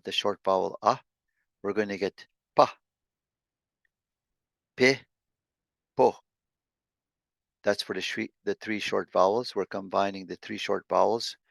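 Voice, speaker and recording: A man teaching an online language lesson over a video call, sounding out syllables slowly with many halting restarts. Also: lowish voice, vocal fry, a bit bright, no room sound.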